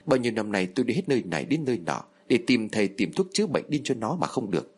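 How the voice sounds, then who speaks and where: Distraught older mother, tearful and accusing, lively swings in pitch, read by a male narrator. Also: fast talker, breathy edge. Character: grieving, frantic older mother, wailing and blaming.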